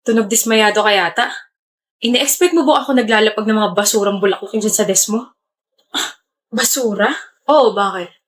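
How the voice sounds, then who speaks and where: A woman acting in a short drama scene, trading sarcastic jabs with an ex. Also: a little high. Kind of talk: Filipino short drama dialogue.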